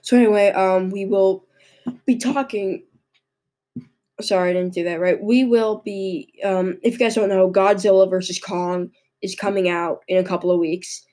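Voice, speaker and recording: A young woman with a cold and a hoarse voice hosts a podcast, reading her notes haltingly and often stumbling and restarting. Her voice is medium-pitched and warm with fairly even intonation, recorded on a microphone into a laptop.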